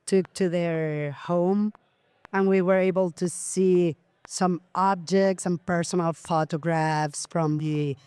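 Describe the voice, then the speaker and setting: A woman's voice: on the low side, steady tone, slow, darkish tone, clean tone, no room sound. A woman in her forties, an artist guest in a casual interview, speaking hesitantly and searching for words.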